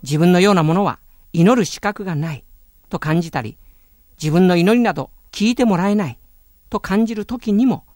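A man giving a calm, earnest radio sermon, speaking in a measured way. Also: high voice, no echo, clean studio sound. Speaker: radio preacher.

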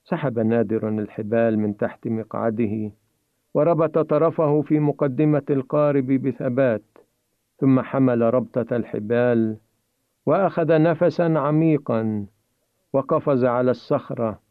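A man narrates a story in a dramatic, measured read-aloud manner. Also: medium pitch, steady tone, no room sound. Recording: tinny phone-like dry recording.

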